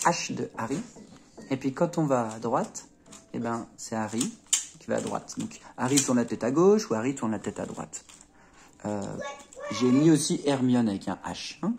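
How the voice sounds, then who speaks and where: A man walks through a hands-on puzzle tutorial in a relaxed, conversational tone. He keeps asking the viewer if they follow and tosses in quick "hop" and "tac" sounds as he turns the pieces. The delivery is informal and talky, like explaining to a friend at a table. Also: mid-range voice. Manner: chatty, checks in with "d'accord?", punctuates moves with "hop" and "tac". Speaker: Rubik's cube tutor.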